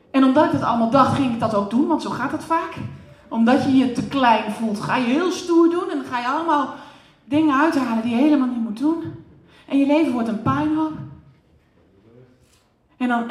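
A woman's voice: sits high, roomy sound. A woman preaching a sermon, acting out voices from the story and putting questions to the congregation. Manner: animated, acts out the story's voices, asks the audience questions.

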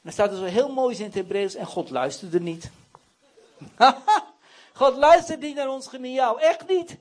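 A man preacher delivering a sermon in an earnest, emphatic, conversational way, often tagging his points with a quick question. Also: very high voice.

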